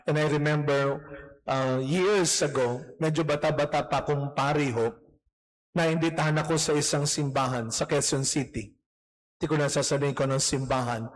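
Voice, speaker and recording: A man, a priest, giving a morning mass homily with a storytelling, humorous touch. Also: a little high. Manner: storytelling with humorous anecdotes, mixing Tagalog and English. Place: church.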